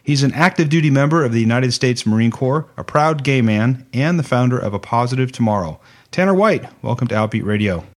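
A man hosts a radio news program. He reads headlines and community listings in a measured, announcer-like delivery. He also interviews guests, and his voice sits at an ordinary middle pitch. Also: animated.

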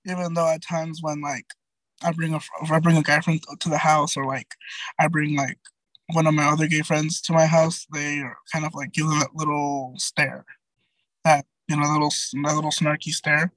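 A young man of around twenty, a guest in a casual interview, talks chattily with lots of "like," "um," and restarts. His light, high-pitched voice has little pitch movement, a normal speed, and a fairly bright tone. The recording is dry and the audio poor.

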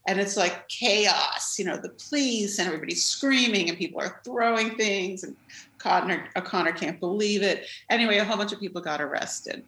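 A woman being interviewed, telling stories in an animated, expressive way. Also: mid-range voice, fairly quick. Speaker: interviewee, former activist. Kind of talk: storytelling in an interview. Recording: roomy echo.

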